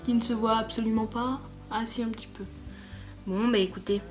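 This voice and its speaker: A woman beauty vlogger chatting casually through a makeup challenge, bubbly and easily excited as she talks to her viewers. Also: a little high, a little fast, faint music behind.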